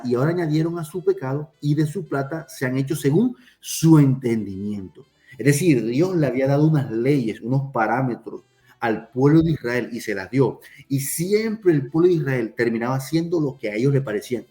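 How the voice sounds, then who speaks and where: A man's voice: mid-range voice, warm tone. A man preaching a sermon in an emphatic style, repeating phrases and asking rhetorical questions.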